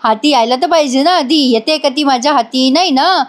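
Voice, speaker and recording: A blunt, boastful young landlord who pushes people around, read by a woman. The voice is high. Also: fairly quick, lightly acted. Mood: brash. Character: brash young man, pushy landlord.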